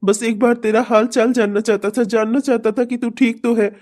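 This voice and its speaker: A woman's voice: on the high side, steady tone, normal speed, darkish tone, natural voice. A woman voicing a loving, relieved middle-aged father in a cartoon, speaking tenderly. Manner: tender, pleading. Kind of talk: cartoon voice acting.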